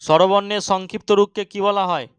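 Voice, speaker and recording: A young man teaching an exam-prep grammar lesson, often checking that students follow and urging them to answer quickly. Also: sits high, steady tone, clear, resonant tone, no echo. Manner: keeps checking understanding, urges quick answers.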